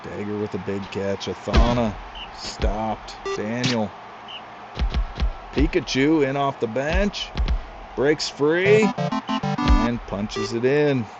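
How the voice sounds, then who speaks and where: A man calls the action in a casual, excitable play-by-play style, breaking off for chatty asides to his co-hosts. He takes his time with each phrase. The recording is a little muffled, with music playing clearly underneath. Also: medium pitch, takes it slowly, long pauses. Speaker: league commentator.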